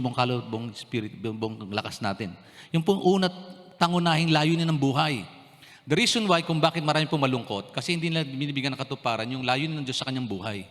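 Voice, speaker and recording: A man's voice: mid-range voice, a bit bright. A middle-aged Filipino man preaching a sermon, mixing Tagalog and English, often repeating and restarting words. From Philippines. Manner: mixes Tagalog and English, preaching with story and questions. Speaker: pastor. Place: church hall. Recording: long reverb of a church hall.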